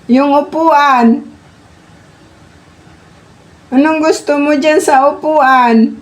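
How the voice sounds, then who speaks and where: A woman with a high voice speaks unhurriedly into a phone camera at home. She alternates between coaxing, sing-song baby talk aimed at her pet and plain explanations for the viewer. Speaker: pet owner filming her dog. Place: home indoors.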